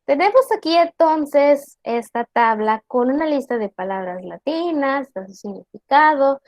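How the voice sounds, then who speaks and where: A woman teacher giving an online class, explaining slowly and deliberately and asking her students questions. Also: sits high, darkish tone, no room sound.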